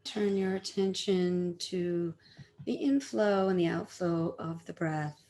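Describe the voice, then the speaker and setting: Gentle and very slow, a woman with a fairly low voice leads a guided meditation, pausing at length between phrases. She sounds soothing, like a teacher offering soft instructions.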